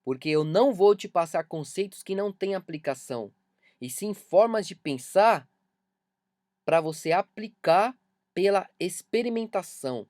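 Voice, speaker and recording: A man's voice: high-pitched, expressive, a little slow, darkish tone, dry recording, studio quality. A man with a Brazilian Portuguese accent gives an online music lesson, talking emphatically and repeating key points to drive them home. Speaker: music teacher.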